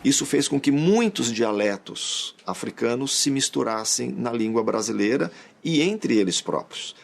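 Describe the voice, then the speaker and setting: A man's voice: mid-range voice, expressive, measured pace, gravelly, soft background music. A man explaining history in an interview, in a conversational teaching manner.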